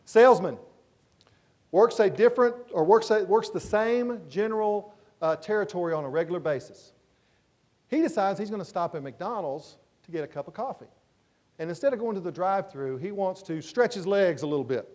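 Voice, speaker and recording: A man speaks from a conference stage through a microphone, giving a motivational keynote. He tells stories in an animated way, acts out the dialogue and repeats his key points. His voice sits high for a man.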